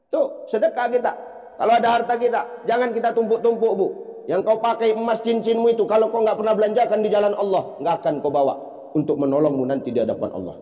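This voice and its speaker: Animated, comedic man preaching in an echoey hall. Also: high voice, highs cut off. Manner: animated, jokey, acts out characters, sings. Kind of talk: comedic sermon. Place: event hall at a religious gathering.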